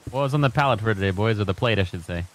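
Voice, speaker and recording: A man's voice: on the low side, very fast, slight background noise. A young man chatting casually during a gaming session, teasing his friends and laughing often. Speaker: gaming co-host.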